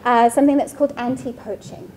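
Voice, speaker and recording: A Swedish woman in her thirties speaks at a seminar, walking the listeners through her slides. Her voice sits high and she keeps it chatty, often tagging her points with a quick "right?". A faint hum of the lecture room runs underneath. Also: steady tone, darkish tone. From Sweden. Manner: conversational, frequent tag "right?". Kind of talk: academic talk with slides.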